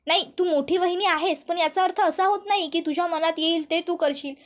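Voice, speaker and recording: A woman voicing an angry middle-aged aunt who shouts and accuses while retelling a serial episode. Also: extremely high pitch, fairly even intonation, brisk.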